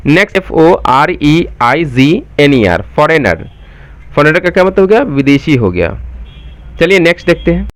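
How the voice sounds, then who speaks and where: Man spelling words slowly, fairly high voice. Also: big pitch swings, no room sound. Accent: Bihari Hindi. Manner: spells words slowly letter by letter, then explains quickly; asks the viewers questions and answers them himself. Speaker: exam coaching teacher. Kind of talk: spoken spelling lesson, letter by letter.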